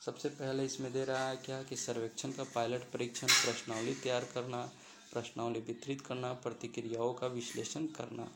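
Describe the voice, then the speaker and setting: A man's voice: medium pitch, level tone, a little fast, creaky, very noisy. A man teaching as he explains quiz questions and walks through each option step by step, slipping English terms into his talk. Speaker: exam-prep teacher.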